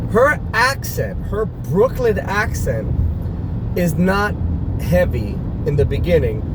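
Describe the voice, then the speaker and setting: A man from New York City talks through his reaction to a movie in a loose, rambling way, circling back and repeating points for emphasis. His voice sits a little high for a man. He is outdoors, and loud traffic rumbles steadily behind him. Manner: rambling, self-correcting, emphatic repetition. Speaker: movie reviewer. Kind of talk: casual spoken movie reaction.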